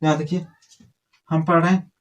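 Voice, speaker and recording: A man's voice: fairly high pitch, little pitch movement, normal speed, dull audio. Scolding man teaching a class. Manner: scolding, repetitive drilling, addresses pupils directly. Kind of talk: classroom grammar lesson.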